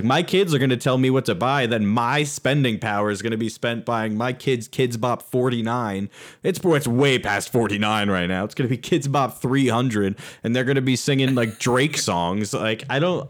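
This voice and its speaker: A man's voice: mid-range voice, moderate pace. Man ranting animatedly in casual chat. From lives in New York. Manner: animated, profane, exasperated ranting with mocking quoted voices. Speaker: podcast co-host. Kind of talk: casual chat, comedic rant.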